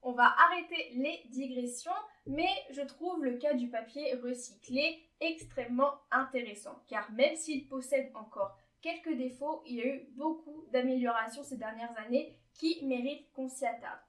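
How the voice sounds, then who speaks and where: Woman podcast host, high voice, chatty and lively, echoey room. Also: moderate pace. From France. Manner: chatty, lively, explains with asides. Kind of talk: informative solo podcast.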